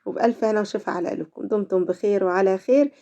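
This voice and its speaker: A middle-aged Egyptian woman talks quickly through a home cooking tutorial, speaking straight to her viewers. Her tone is dark and mellow, and her voice is a little dulled by a cold. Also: mid-range voice, vocal fry, muffled recording. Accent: Egyptian Arabic. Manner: chatty, talks to viewers directly. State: voice affected by a cold. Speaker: cooking channel host.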